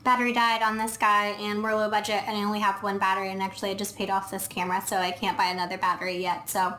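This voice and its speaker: A woman's voice: mid-range voice, level tone, quick pace, bright, forceful tone, a little hiss or hum. Woman, veterinarian, casual on-camera review, thinking aloud, echoey room. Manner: thinks aloud, explaining step by step with frequent ums. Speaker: veterinarian reviewing dog food. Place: indoor room, filming herself. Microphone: camera mic.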